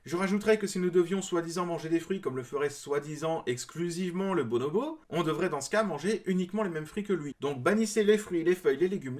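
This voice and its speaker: High-voiced man giving sarcastic rebuttal. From France. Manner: explanatory, mildly sarcastic. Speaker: video creator responding to a clip. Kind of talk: critical commentary rebuttal.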